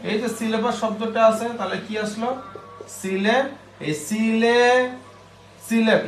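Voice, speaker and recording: A man teaching an online English grammar class, spelling words out slowly and checking with the class after each step. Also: sits high. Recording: roomy echo.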